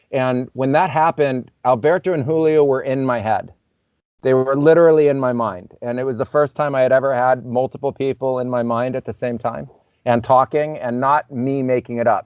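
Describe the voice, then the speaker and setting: A man's voice: mid-range voice, dry recording. A man as a podcast guest, telling a story in a reflective, loose way full of "you know" fillers. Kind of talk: conversational storytelling. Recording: slightly muffled, dull audio.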